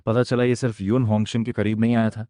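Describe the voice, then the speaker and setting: A man narrating a comic-style story recap in a steady, dramatic storytelling manner. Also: on the low side, fast, no echo, clean studio sound.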